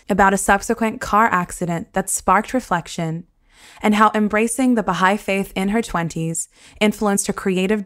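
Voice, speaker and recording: A woman's voice: mid-range voice, dry recording, studio quality. A woman hosting an interview podcast, asking friendly and playfully teasing questions.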